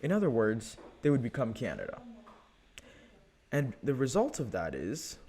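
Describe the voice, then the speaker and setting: A young man with an American accent talks through history like he's chatting with friends. His pitch sits in an ordinary middle range but swings about a lot as he tells the story. He leans on fillers and keeps it loose and conversational. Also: wildly swooping pitch, moderate pace, darkish tone. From United States. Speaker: history podcast host. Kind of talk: casual history talk.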